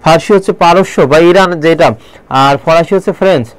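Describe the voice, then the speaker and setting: Guy teaching a live online class, quick crisp voice, dry close sound, keeps firing questions at viewers. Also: fairly high pitch, dry recording. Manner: quizzing viewers with repeated questions; slows down to read poem lines aloud. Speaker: online admission-prep Bangla teacher.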